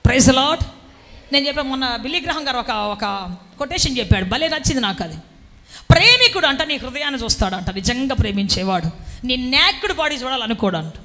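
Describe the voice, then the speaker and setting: Animated high-voiced woman preacher. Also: big-room sound. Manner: animated, breaks into shouted exclamations. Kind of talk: sermon with acted-out stories.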